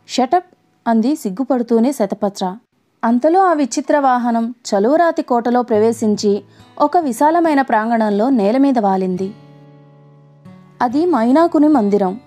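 A woman narrating a novel as an audiobook in a measured, expressive storytelling manner. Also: fairly high pitch. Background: faint music.

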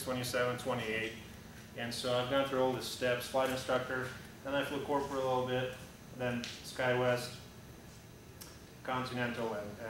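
The voice here is medium-pitched: a Russian-accented airline pilot in his thirties who presents slides to a group in a plain, blunt, conversational style, with frequent "uh"s and restarts while standing and gesturing. Heard through a camera at the back of a big, echoing hangar-like room, he sounds far off, with background hum.

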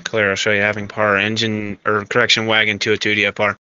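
A man's voice: on the low side, monotone, fast, pushed and bright, smooth, no echo. A male fire incident commander giving directive, procedural orders over a two-way emergency radio. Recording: dull lo-fi radio, faint static.

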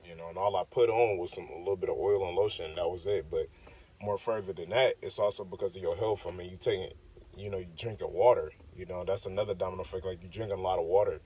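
A man's voice: sits low, fairly even intonation, quick pace, breathy edge. A young man in a parked car, talking casually to his phone on the dashboard in a loose, rambling way that keeps circling back with "like I said.". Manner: loose, rambling, repeats "like I said" and "you know what I'm saying". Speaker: fitness vlogger. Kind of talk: casual self-filmed talk. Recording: dull, slightly distant phone audio.

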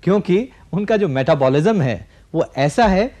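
A man in his forties with a fairly high voice walks viewers through a recipe on a studio kitchen set. He explains each step patiently and speaks straight to the audience. His voice is picked up close by a clip-on mic. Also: lively intonation, normal speed, warm tone. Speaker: TV cooking show host. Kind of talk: cooking demonstration.

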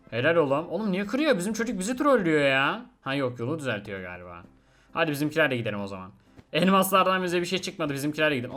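A young man giving casual, excitable commentary while playing a mobile game, chatting to his viewers. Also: fairly high pitch. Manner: chatty, excitable, swears oaths, addresses viewers. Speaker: gaming video host.

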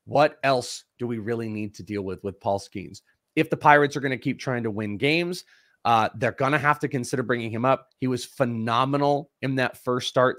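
A man serves as the prospect analyst on a live fantasy baseball broadcast, talking in quick, casual bursts of stats and opinions. His voice sits at an ordinary middle pitch. The recording is dry and close, with no room sound. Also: no room sound.

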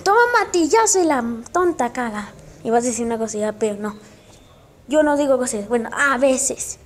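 High-voiced excitable gaming commentator woman. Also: normal speed. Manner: excitable, with frequent yelps and exclamations; addresses viewers directly with shout-outs. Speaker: gaming channel host. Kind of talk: casual gameplay commentary.

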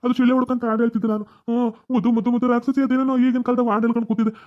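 A performer voicing a panicky village man, an ex-convict fleeing, pleading quickly with a North Karnataka Kannada accent, in a cartoon comedy. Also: mid-range voice, flat delivery, highs cut off, natural voice.

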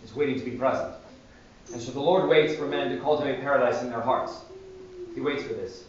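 A male priest giving a sermon in a church, telling stories with animated energy. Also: medium pitch, a little fast. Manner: animated storytelling. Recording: distant echoey church, dull sound.

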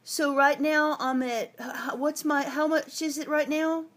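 Persistent high-voiced woman filming on her phone. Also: fairly even intonation, a little slow, a bit bright, slight background noise. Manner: polite but persistent, pressing for clear answers. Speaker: towing victim filming her ordeal. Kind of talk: handheld phone vlog and phone call. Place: outdoors in a parking lot by a car. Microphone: phone camera held in hand.

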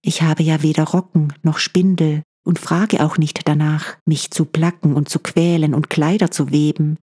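A woman voicing a cheerful, endlessly approving farm wife in a storybook reading, with a husky voice and eager, praising talk. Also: sits low, mellow, pitched above the performer's own voice.

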